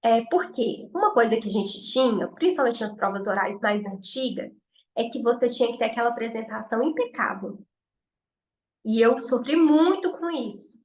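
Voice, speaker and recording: A woman's voice: fairly high pitch, expressive, normal speed, a little mellow, poor audio. A woman from Minas Gerais with a mineiro Brazilian accent, giving chatty, reassuring exam advice and acting out what people say. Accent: Mineiro Brazilian Portuguese. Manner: chatty, reassuring, acts out quoted remarks. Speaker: exam prep teacher. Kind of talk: informal teaching talk to camera.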